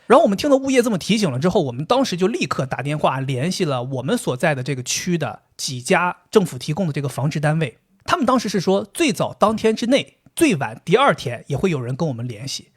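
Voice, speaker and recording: A man co-hosting a casual podcast, telling a story in an animated way and laughing often. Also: a little high, fast, hardly any pauses, slightly rough. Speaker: podcast co-host.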